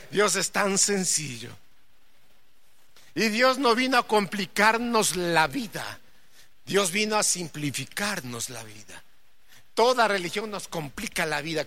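Forceful woman preaching a sermon. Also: on the low side. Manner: swings from hushed to loud emphatic preaching; calls on the congregation to repeat phrases. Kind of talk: sermon to a congregation.

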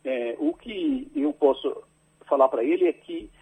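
Raspy gravelly guy on a landline phone call, high lively voice, explains things patiently. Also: unhurried. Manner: explains patiently, tags sentences with "né?". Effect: over a landline phone. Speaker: agricultural researcher, interview guest. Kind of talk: explanatory radio interview by phone.

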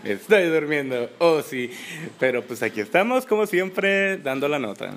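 A man's voice: a little high, big pitch swings, moderate pace, fairly bright tone. A man with a Mexican accent co-hosting a casual chat, speaking informally and searching for his words. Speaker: podcast co-host.

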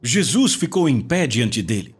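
A man preaching a sermon in an animated style, mocking the way people pray and rising to shouts. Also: medium pitch, measured pace, slight background noise.

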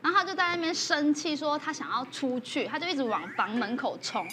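A woman on a parenting talk show tells a vivid story about her children in a high voice. Clear background noise sits under her speech. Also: fairly quick. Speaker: panel mother. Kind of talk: casual chat.

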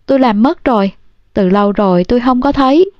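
A woman's voice: on the high side, lively intonation, brisk, dry recording, natural voice. A woman voicing a simple-minded giant of a man who pleads in a childlike way, on a dull, dry recording. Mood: wistful.

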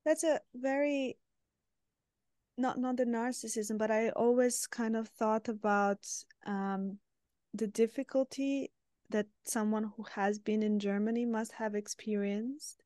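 A woman from Serbia hosting a psychotherapy podcast interview, speaking in a measured way while searching for words. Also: on the high side, steady tone, darkish tone, no echo, studio quality. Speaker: podcast host, therapist. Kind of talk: interview conversation.

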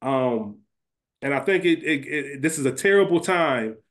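Expressive and a little slow, this co-host's mid-range voice carries casual, profane podcast banter framed like a sports draft over a TV series. He weighs his choices aloud, repeating himself as he goes.

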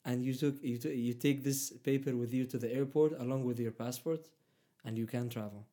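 Speaking fairly quickly, this guest, an Arabic-speaking man of Palestinian background who grew up in Egypt, has a medium-pitched, steady voice with a dark tone. In casual conversation he sounds hesitant, often using fillers and starting over.

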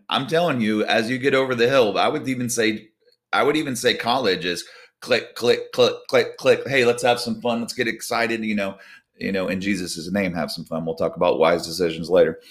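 A man, a volleyball coach giving a casual devotional talk with prayer, animated and conversational with many fillers. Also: fairly low pitch. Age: 40s.

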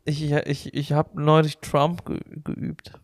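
A man's voice: on the high side, monotone, slow. A man co-hosting a podcast in casual chat, blunt and eager to jump in. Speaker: podcast co-host.

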